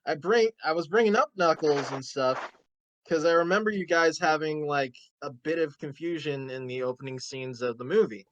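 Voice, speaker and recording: A man's voice: on the high side, moderate pace, dull audio, slight background noise. A man hosting a casual talk show, rambling through game lore with plenty of fillers and restarts. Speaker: host. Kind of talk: casual podcast chat.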